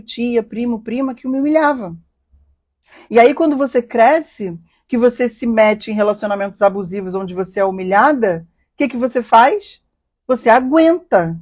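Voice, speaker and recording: A woman's voice: fairly high pitch, a little mellow. Earnest, emotional Rio woman host. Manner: emotional, earnest, rhetorical questions. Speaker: host of a live stream. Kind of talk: confessional personal talk.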